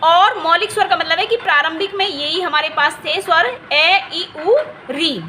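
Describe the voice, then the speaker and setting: A woman's voice: very high-pitched, normal speed, sharp tone, slight background noise. A woman teaching a Hindi grammar lesson for exam preparation, explaining patiently, repeating key terms and often checking that students have understood. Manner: stretches vowels to demonstrate length.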